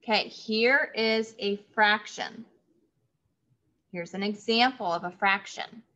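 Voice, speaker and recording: Slow, bright-voiced woman teacher. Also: medium pitch. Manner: slow, clear, repeating key words for children. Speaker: third grade teacher. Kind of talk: online classroom lesson. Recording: dull lo-fi audio.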